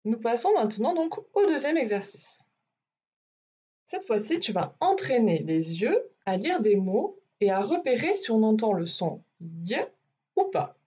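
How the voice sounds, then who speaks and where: In a dull, lo-fi recording, a woman teaches phonics to small kids. Her slightly husky voice moves slowly but rises and falls in a lively way, and she pronounces sounds with careful, exaggerated deliberateness.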